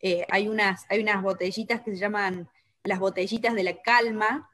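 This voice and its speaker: A woman with a Chilean Spanish accent calmly explaining parenting techniques on a local talk show, with frequent hesitations. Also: medium pitch, normal speed. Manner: calm, explanatory, many hesitations. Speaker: co-host. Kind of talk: casual talk show conversation.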